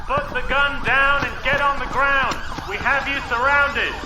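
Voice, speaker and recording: An actor playing an excitable, self-satisfied police chief in an audio comedy, barking through a toy megaphone. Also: male voice, very high-pitched, measured pace. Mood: commanding, pleased. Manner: barked announcements. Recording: noisy, echoing megaphone with vehicle noise.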